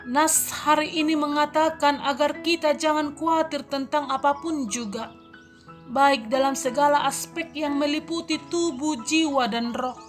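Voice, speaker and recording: A woman deaconess giving a daily devotional sermon in a calm, earnest preaching manner, addressing her congregation directly. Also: high-pitched.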